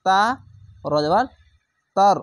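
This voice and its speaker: Male reading teacher, unhurried, drills letter by letter and blends them; slightly high voice. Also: dry recording, studio quality. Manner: spells each letter and vowel mark slowly, then blends syllables; patient instructive explanations between drills. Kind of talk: slow spelled-out recitation lesson.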